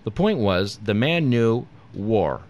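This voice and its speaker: Man reading a lively comedy script. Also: fairly low pitch, slow. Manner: reads from a script with stumbles and laughs. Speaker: co-host. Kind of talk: scripted comedy segment read aloud.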